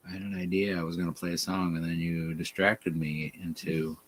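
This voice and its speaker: A man's voice: low voice, flat delivery, brisk, fairly bright tone, slight background noise. A man in his fifties hosting a casual livestream chat in a laid-back, sweary way. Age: 50s. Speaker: livestream host.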